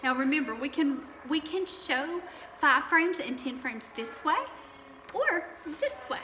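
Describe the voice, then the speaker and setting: Speaking in a high, unhurried voice, a kindergarten teacher encourages her young pupils through a counting lesson, talking to them directly. The background is noisy and the space sounds echoey.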